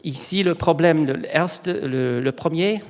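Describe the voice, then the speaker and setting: Male conference speaker, native English with English-accented French, slow and halting, slightly high voice, big hall reverb. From England. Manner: halting, searching for words in non-native French. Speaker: research psychologist giving a conference talk. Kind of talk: informal conference presentation.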